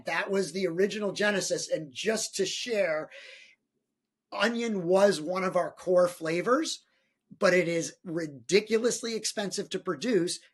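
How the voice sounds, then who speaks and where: A man's voice: sits high, unhurried, husky, faint music behind. A man, a company founder, chatting as a guest in an interview, rambling through a story with many restarts. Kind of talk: casual interview chat.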